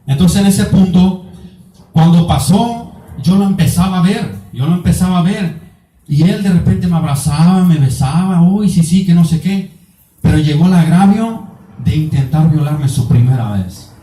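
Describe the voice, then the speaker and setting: Male evangelist, higher voice with a dark, mellow tone, earnest testimony, recorded echoey from a distance. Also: animated, normal speed. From Mexico. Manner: earnest, emotional storytelling with repetition. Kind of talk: personal testimony sermon. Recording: echoey room, voice from far off.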